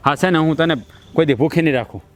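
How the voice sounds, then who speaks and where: A man's voice: on the high side, quick pace, soft background music, lightly acted. An actor playing a poor young husband who keeps soothing and pleading with his wife. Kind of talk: village family drama.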